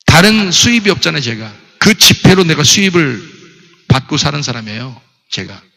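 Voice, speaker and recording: A middle-aged man preaching a sermon, telling a story with animated delivery and asking the congregation questions. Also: a little high, moderate pace, vocal fry. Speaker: pastor. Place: church. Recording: church hall reverb.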